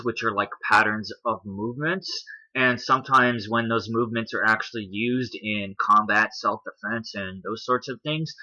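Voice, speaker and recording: Guy with a lowish, really sharp tense voice, explaining stuff point by point, casual commentary. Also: muffled recording. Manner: explains step by step, spells out letters, often hedges with "if you will". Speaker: video commentator.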